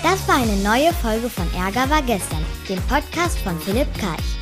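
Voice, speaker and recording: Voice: medium pitch, big pitch swings, normal speed, music in the background. An upbeat, lilting voice reading a podcast's closing announcement.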